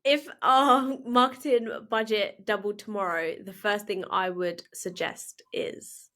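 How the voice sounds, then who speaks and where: A woman hosting a casual interview, running quick quiz games and laughing often. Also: mid-range voice, fairly even intonation, pushed and bright. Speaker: host.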